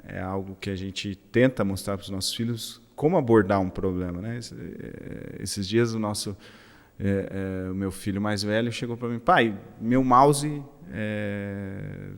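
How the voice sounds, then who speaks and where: A man's voice: fairly low pitch, moderate pace. A male host talking casually and a little hesitantly, with frequent fillers. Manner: relaxed, hesitant with many fillers. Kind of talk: casual conversation. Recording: roomy reverberant room.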